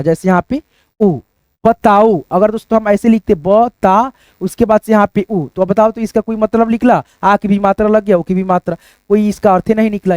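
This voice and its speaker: A man's voice: sits high, a little mellow, no room sound. A man teaching a casual lesson, explaining letter by letter and often addressing listeners as friends.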